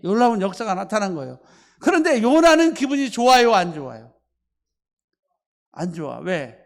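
A man preaches in a church, and his voice runs high as he tells the story with lively acting. He stops to lead the congregation in repeating phrases after him. A long reverb hangs on every word from the sanctuary. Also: moderate pace, vocal fry. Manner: animated storytelling, acting out the figures' lines. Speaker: pastor. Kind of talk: sermon.

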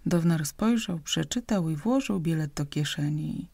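Woman reading an audiobook, measured, gravelly, dry close mic. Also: deep voice, lively intonation, darkish tone, no room sound. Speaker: audiobook narrator. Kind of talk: scripted audiobook narration.

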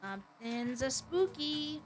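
A woman's voice: sits high, lively intonation, slow pace, music in the background. A woman streaming a game live, chatting and reacting aloud as she plays and reads lines. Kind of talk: live gameplay commentary.

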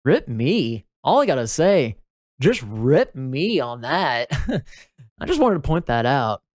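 A woman's voice: very deep voice, sing-song, slow pace, a little mellow, no echo. A woman giving casual, emotional commentary as she opens game pulls. She talks to her viewers, pleads with the game and swears freely. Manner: emotional and talkative, begs the game and addresses viewers. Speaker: mobile game player opening pulls. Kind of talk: casual live gaming commentary.

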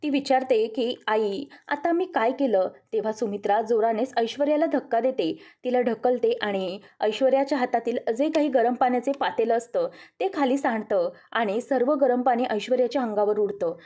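A woman's voice: fairly high pitch, fairly quick, few pauses, dark tone. A woman retelling a television serial episode as a vivid, emotive story, addressing listeners as friends. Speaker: narrator of serial episode recaps. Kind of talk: dramatic storytelling recap.

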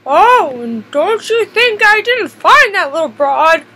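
A woman's voice: very high-pitched, sing-song, slow, sharp tone, a little hiss or hum, exaggerated voice. A woman voicing a cranky old woman chasing a recipe thief, out of breath and exclaiming theatrically outdoors. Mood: triumphant.

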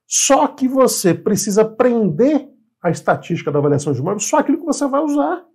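A man's voice: very high-pitched, sing-song, quick pace, darkish tone, slightly rough. A man in his fifties from Brazil, an appraisal instructor giving an informal online lesson, asking and answering his own questions. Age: 50s. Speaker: real estate appraisal instructor.

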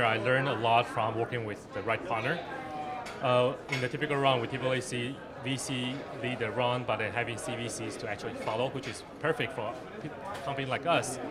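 Male founder, 30s, eager demo pitch, handheld mic, noisy conference floor. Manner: explanatory pitch, non-native grammar. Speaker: startup founder. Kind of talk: product demo interview. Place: busy conference hall, indoors. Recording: loud crowd chatter behind.

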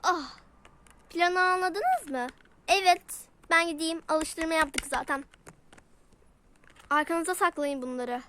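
High bright woman voicing a cast of toy pets, playful and ever-switching. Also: slow, long pauses, a little hiss or hum. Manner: switches between playful character voices. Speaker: toy video creator. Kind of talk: toy role-play voicing many pets.

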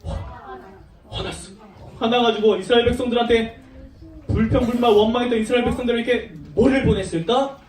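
A woman giving a lively sermon to young children, asking them questions and acting out the story. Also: on the high side, quick pace, a faint crowd. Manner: animated, questions children, acts out voices. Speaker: children's Sunday school preacher. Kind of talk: children's sermon with call and response. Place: large church hall. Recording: roomy echo, distant mic.

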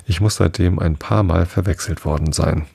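A man reading the part of Alice, a polite, flustered young girl, a little higher and hesitant, as a calm bedtime storybook reading. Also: moderate pace, creaky, slightly rough, no room sound, studio quality, exaggerated voice.

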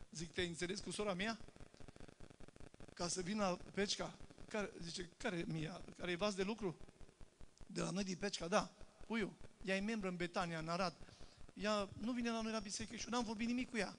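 A man preaching, telling stories and acting out the voices in them, then rising to loud, urgent appeals. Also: high-pitched, a little hiss or hum. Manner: acts out quoted voices, laughs between. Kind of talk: testimony sermon.

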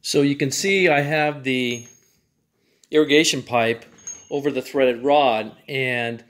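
Methodical man explaining a DIY build. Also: medium pitch. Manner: plain, methodical explaining with measurements. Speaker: DIY channel host. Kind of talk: step-by-step build tutorial.

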